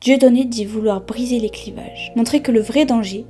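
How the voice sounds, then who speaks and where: A woman's voice: fairly high pitch, moderate pace. A woman giving scripted documentary narration in punchy, dramatic short phrases. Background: soft background music.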